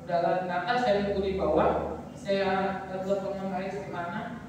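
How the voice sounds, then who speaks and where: A woman's voice: medium pitch, fairly even intonation, fairly quick, dull audio, noisy background. Young woman, personal testimony, rambling storyteller who acts out quotes; distant, very echoey church hall. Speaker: testimony speaker at a youth service.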